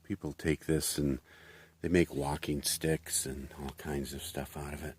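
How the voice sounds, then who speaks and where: A man's voice: very deep voice, level tone, unhurried, slightly rough. A man vlogging casually on an outdoor canyon trail, chatting and explaining plants as he walks. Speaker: hiking vlogger.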